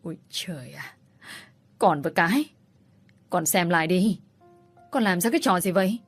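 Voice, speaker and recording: A woman's voice: fairly low pitch, lively intonation, normal speed, slightly rough, faint music behind. A woman reading an audiobook voices a middle-aged mother who wails reproaches at her daughter. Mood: distraught scolding. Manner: wailing reproach.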